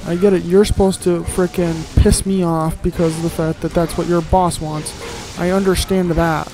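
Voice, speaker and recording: A man's voice: high-pitched, flat delivery, moderate pace, mellow, soft background music, rough recording. A man giving casual, grumbling let's-play commentary while he plays, with sarcastic asides and casual swearing.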